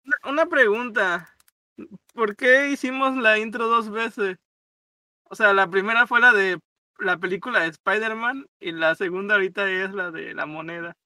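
A man's voice: high voice, normal speed, pushed and bright, no room sound. A young man chatting playfully on a casual podcast, with theatrical outbursts. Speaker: podcast co-host.

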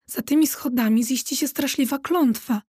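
A woman voicing an excitable, timid ghost lady of a castle, talking high and fluttery. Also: moderate pace, husky, no room sound, studio quality. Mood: frightened. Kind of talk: children's audiobook character voice.

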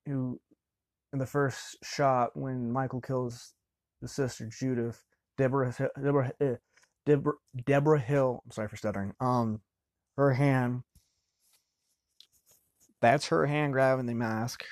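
A man giving casual film commentary, rambling and halting, often restarting mid-sentence. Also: mid-range voice, steady tone, a little mellow, no echo, studio quality.

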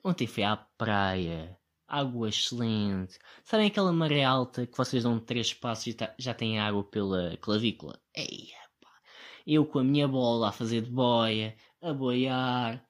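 A man's voice: medium pitch, moderate pace, hardly any pauses. A young man with a European Portuguese accent, hosting a solo podcast in a rambling, sarcastic way. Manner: sarcastic, mocking impressions of others; rambling and animated. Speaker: podcast host. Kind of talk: casual solo podcast monologue.

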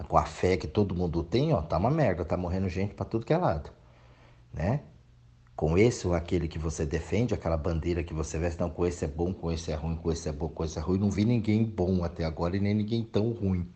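A man's voice: sits low, mellow. A man from Brazil giving an emphatic, preachy reflective monologue to his regular audience, sometimes mocking whiny voices. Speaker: motivational speaker.

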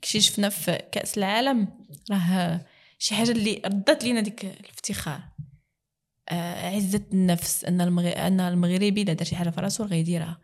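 A woman's voice: mid-range voice, steady tone, fast talker. A woman with a Moroccan accent, a guest in a casual interview, speaking earnestly and mixing in French words.

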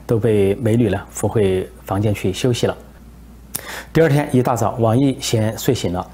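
Low husky male commentator. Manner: relaxed storytelling with frequent hesitations. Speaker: political commentator. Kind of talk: commentary with joke storytelling.

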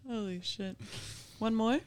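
A woman casually reading a scary story aloud, with playful, informal asides. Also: fairly high pitch. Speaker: story reader.

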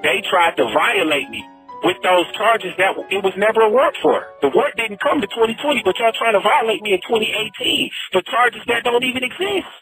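An American prisoner recounts his story by phone, pleading with passion and repeating himself emphatically. His high voice is expressive and sharp-toned, a little fast. Background music can be heard.

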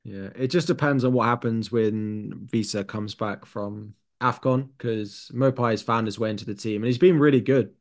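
A man's voice: lowish voice, normal speed, hardly any pauses. A British man appearing as a guest pundit on a podcast, thinking aloud at length as he weighs his options. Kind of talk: casual podcast analysis.

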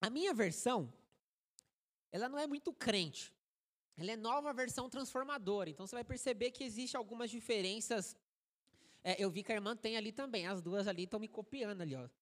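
The long reverb of a church hall surrounds this guest preacher, a man in his thirties with a Brazilian Portuguese accent and a fairly high male voice. Talking a little fast, he gives a sermon with humorous storytelling, keeping it joking, animated and conversational in the church sanctuary.

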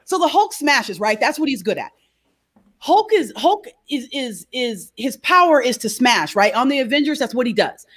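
A woman speaking as a guest in an interview, a behavior coach who explains her ideas through lively stories and keeps asking "right?". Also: sits high, normal speed, slight background noise. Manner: animated storyteller, frequent "right?". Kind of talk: conversational interview.

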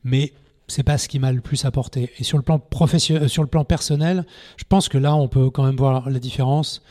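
A middle-aged man, a former poker TV presenter, talking casually as a podcast guest and acting out anecdotes with lively energy. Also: mid-range voice, a little fast. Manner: animated storyteller, acts out scenes in shouts.

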